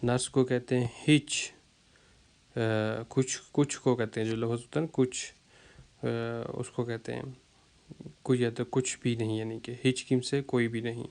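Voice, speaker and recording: Man slowly drilling vocabulary, smooth voice. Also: medium pitch, flat delivery, darkish tone. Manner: slow, repeats words to drill pronunciation, many fillers. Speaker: language teacher. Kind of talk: explaining vocabulary lesson.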